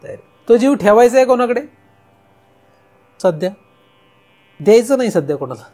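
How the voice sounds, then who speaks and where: A man's voice: very high voice, expressive, normal speed, warm tone. A man with a Marathi accent giving a spiritual discourse, asking rhetorical questions and answering them himself. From India. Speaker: spiritual teacher. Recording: faint music in background.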